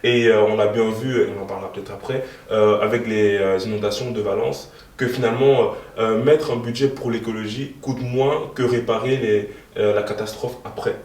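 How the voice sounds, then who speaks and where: A young man in his twenties gives interview answers in a lowish voice, pausing often and filling gaps with ums. He sounds set back from the mic. The room around him is echoey. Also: fairly even intonation, darkish tone, distant mic. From moved to Belgium in 2013. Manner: hesitant, many fillers. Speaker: guest, youth party co-president.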